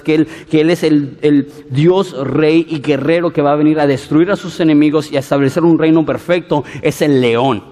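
A man preaching a Bible-teaching sermon in an expressive way, often stumbling and restarting words. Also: fairly high pitch, in a large hall. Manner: expressive, with frequent stutters and restarts.

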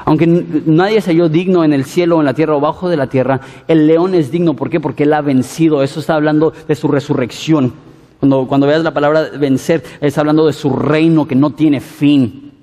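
A man preaching a Bible-teaching sermon in an expressive way, often stumbling and restarting words. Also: fairly high pitch, a little fast, long reverb tail. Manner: expressive, with frequent stutters and restarts.

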